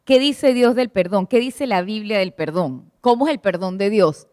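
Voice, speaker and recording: A woman at a prayer meeting preaches to the church congregation in a mid-range, slightly mellow voice at a moderate pace. She asks them questions and retells stories expressively, and the recording is dry with clean studio sound.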